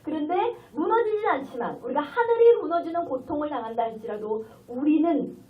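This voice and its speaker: A woman guest pastor preaching an animated revival sermon, emotional as she tells a story and acts out its voices, heard on a distant, tinny recording. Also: high voice, fairly quick.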